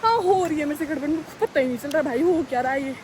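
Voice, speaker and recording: A young woman with a high, bright voice talks to her phone as she walks outdoors, chatty, self-mocking and a little dramatic. Faint traffic hums behind her. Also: fast talker, poor audio. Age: young adult. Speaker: vlogger. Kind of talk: casual vlog talk. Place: outdoors on a road.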